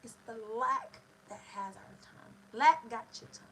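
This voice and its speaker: A woman's voice: fairly high pitch, expressive, moderate pace, fairly bright tone, breathy edge, poor audio. A woman hosting a motivational live-stream talk about manifestation, speaking in an emphatic, preachy way with repeated call-and-response phrases.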